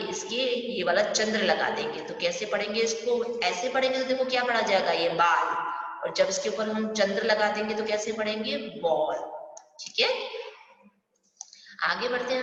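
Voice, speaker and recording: A woman's voice: mid-range voice, a bit bright. A woman teaching an online primary school Hindi class, explaining step by step and often asking her pupils questions. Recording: distant, echoey, dull room recording.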